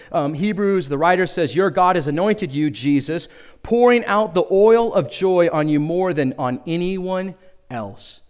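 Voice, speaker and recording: Middle-aged male pastor, slightly raised voice, chatty humorous sermon style with questions to the room. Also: on the high side. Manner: conversational and humorous, asks the congregation questions.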